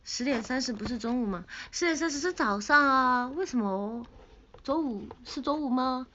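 A woman's voice: sits high, moderate pace, bright, forceful tone, a little hiss or hum. Young woman, Sichuan-accented Mandarin, idol livestreamer, chatty and teasing, slightly muffled phone audio. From Sichuan, China. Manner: playful, pouty, chatty, laughs often. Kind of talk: casual livestream chat reading comments. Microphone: phone camera.

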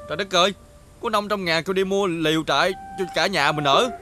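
A man's voice: high voice, close to an everyday voice. A young man with a Southern Vietnamese accent, acting an exasperated older brother who scolds and nags in a TV comedy series. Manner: exasperated scolding, rapid nagging. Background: music.

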